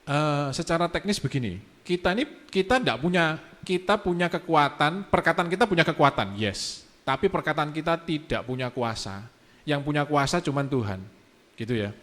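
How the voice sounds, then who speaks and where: A man, speaking as a guest in a casual church youth talk, relaxed and mixing in English phrases. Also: fairly high pitch, normal speed.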